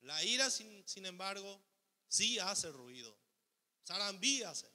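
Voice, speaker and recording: A man delivers a sermon, his voice pitched high and sharply bright. He fires off rhetorical questions and acts out the selfish voice of the ego. The sound rings with the long reverb of a church hall. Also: very animated, takes it slowly. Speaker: pastor.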